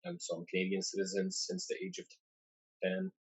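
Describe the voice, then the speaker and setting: A young man from Lebanon, a dentist and book collector, telling his story as a guest on a video call in a thoughtful, soft-spoken way with "um" fillers. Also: high voice, big pitch swings, brisk, gravelly, poor audio. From Lebanon, raised in the Middle East. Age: young adult. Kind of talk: casual video call interview.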